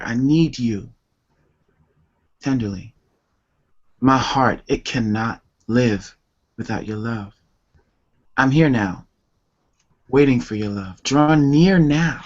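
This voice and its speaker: This medium-pitched male voice comes through on dull audio. A visiting poet, he gives a slow, intense and tender reading of his love poems before explaining their origins in interview answers.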